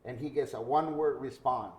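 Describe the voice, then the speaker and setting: In a casual interview chat, this podcast host from Guatemala stays conversational and shares anecdotes. He speaks briskly in a mid-range voice, and the lo-fi recording sounds reverberant.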